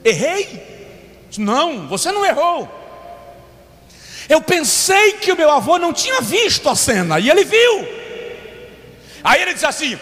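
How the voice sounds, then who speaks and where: A pastor preaching a dramatic sermon, slowing down and shouting for emphasis. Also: male voice, extremely high pitch, huge pitch swings. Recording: long church reverb with faint music.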